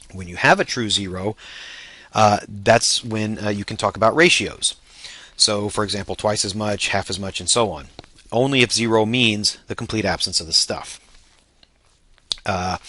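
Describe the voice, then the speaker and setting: A man giving a statistics lecture, explaining step by step and often pausing on "uh" fillers. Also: fairly low pitch. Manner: many "uh" fillers, relaxed explaining.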